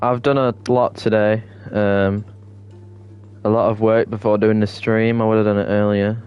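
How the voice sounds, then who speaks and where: A young man streaming a video game, giving casual, excitable and melodramatic commentary. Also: fairly low pitch, moderate pace, clear, resonant tone, dull audio, soft background music.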